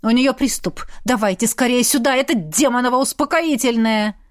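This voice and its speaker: A woman's voice: fairly high pitch, moderate pace, natural voice. A woman voicing an angry young male mage who barks stern commands.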